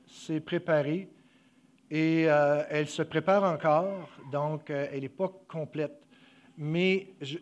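Halting, emotional man preaching. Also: a little mellow. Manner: emotional, lowers his voice, halting with many fillers. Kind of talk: sermon.

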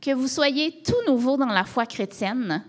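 A woman's voice: high voice, expressive, measured pace. A woman from Canada with a Québécois French accent, a pastor preaching a sermon in a conversational way, with rhetorical questions and tags like "hein".

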